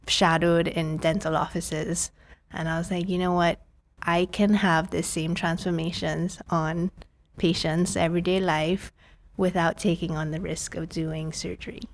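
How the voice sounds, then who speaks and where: On a relaxed podcast interview, a prosthodontist from Trinidad in her thirties shares her journey, regularly quoting her earlier thinking. She speaks in a fairly low pitch.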